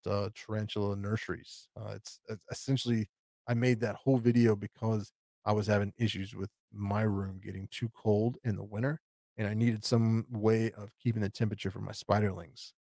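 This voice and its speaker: A man chats on a live stream in a loose, rambling way, answering viewers' questions. His voice sits low and carries a gravelly fry. The sound is dry and close. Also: mellow, dry recording. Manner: rambling, answers chat questions with frequent fillers and restarts. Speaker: tarantula channel host. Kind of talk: casual live stream chat.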